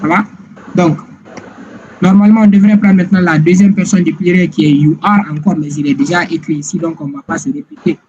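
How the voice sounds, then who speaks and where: A man teaching English grammar in a slow, repetitive classroom style, often checking whether listeners follow. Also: high voice, steady tone, darkish tone. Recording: dull lo-fi sound with clear background noise.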